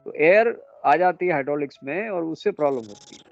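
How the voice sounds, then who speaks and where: A man lecturing students in a classroom, brisk and a little scolding as he quizzes them. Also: on the high side, expressive, gravelly, dry recording, muffled recording, soft background music. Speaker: instructor.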